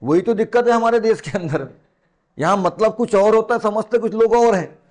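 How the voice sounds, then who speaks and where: A man's voice: sits high, moderate pace, darkish tone. A man from teaching a lesson in a classroom, colloquial and teasing, who repeats key words and throws rhetorical questions at his students. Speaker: coaching teacher. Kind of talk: classroom lecture.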